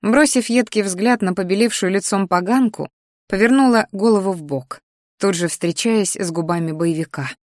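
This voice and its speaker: A woman narrating a fantasy story aloud with lively storytelling. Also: medium pitch, moderate pace, no echo, clean studio sound. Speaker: audiobook narrator. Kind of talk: scripted narration.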